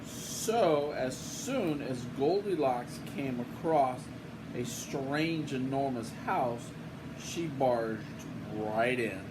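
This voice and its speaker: Slow-paced older man reading a storybook, noisy recording. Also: medium pitch. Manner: unhurried, playful, casual. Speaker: grandfather reading a picture book aloud. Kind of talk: storybook read-aloud with folksy asides. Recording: home recording with steady room hum.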